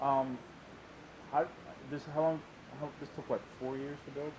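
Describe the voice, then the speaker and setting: A man's voice: mid-range voice, flat delivery, moderate pace, a little mellow, a little hiss or hum, poor audio. A man interviewing, asking rambling questions with restarts, heard on a worn tape copy.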